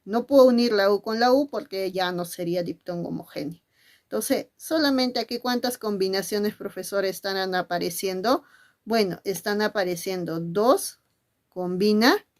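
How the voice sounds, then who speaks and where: A woman's voice: mid-range voice, moderate pace. Woman teacher quizzing her own class. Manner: asks questions and answers them herself, affectionate with pupils. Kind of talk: spelling lesson.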